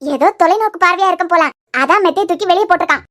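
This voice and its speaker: A woman voicing a sharp-tongued old grandmother who dotes on her grandson, in a cartoon. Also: very high-pitched. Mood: musing. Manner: scolding, proud and quick. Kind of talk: cartoon voice acting.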